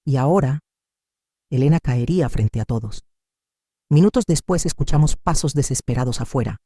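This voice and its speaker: A woman's voice: very deep voice, lively intonation, normal speed, mellow, no room sound, clean studio sound. A woman narrating a first-person dramatic story as an elderly mother of seventy-five. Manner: dramatic, emotional reading. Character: woman of 75 telling her own story.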